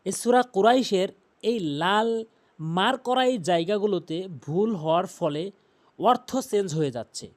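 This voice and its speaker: A man teaching Quran recitation, patiently repeating pronunciation rules and chanting slow examples. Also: high voice, animated. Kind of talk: recitation lesson.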